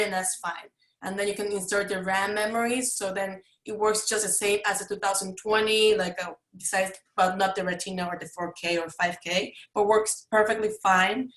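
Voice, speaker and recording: A woman's voice: mid-range voice, fairly bright tone, roomy sound, poor audio. A young woman from Mexico, an advertising student, talking casually and rambling with lots of fillers on a video call. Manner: chatty, rambling with many fillers.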